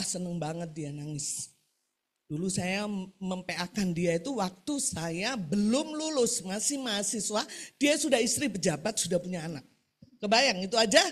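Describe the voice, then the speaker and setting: Animated woman preaching with wide pitch swings. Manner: animated, swings between shouting exhortation and soft storytelling. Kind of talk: sermon. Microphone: video call.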